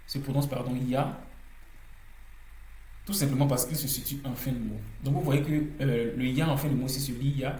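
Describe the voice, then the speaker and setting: Here the same kind of French lesson unfolds: he drills words by repetition and works through pronunciation rules methodically, with frequent hesitations. His mellow, medium-pitched voice keeps fairly even intonation at a normal pace, captured in a reverberant, low-quality recording.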